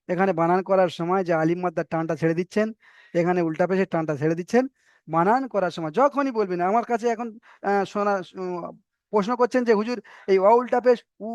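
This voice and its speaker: A man teaching a Quran reading lesson, spelling out Arabic letters and patiently repeating each syllable slowly for his students. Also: sits high, no room sound. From Bengal.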